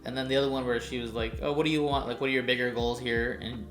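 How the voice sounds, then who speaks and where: A man's voice: medium pitch, flat delivery, fast talker, roomy sound, music in the background. A man co-hosting a casual anime review chat, retelling scenes in quoted voices and swearing freely. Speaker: podcast co-host.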